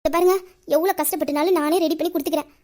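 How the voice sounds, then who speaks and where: A woman playing a feisty, high-voiced office girl. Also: fairly even intonation. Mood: irritated. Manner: quick, sharp and exasperated. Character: feisty young female office worker. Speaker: young female office staffer. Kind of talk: Tamil audio drama acting.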